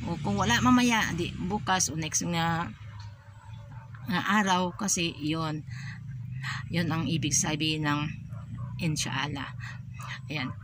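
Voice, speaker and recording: Filipino woman, lowish voice, patient casual teacher, faint traffic behind. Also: slow pace, pauses often. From Philippines. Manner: patient, repeats each word and gives examples. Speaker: language teacher for overseas workers. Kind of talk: casual spoken lesson.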